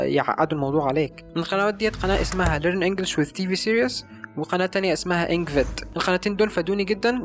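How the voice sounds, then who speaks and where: A young adult man with an Egyptian Arabic accent, earnestly recommending learning resources in a casual advice video. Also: on the high side. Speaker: language-learning YouTuber.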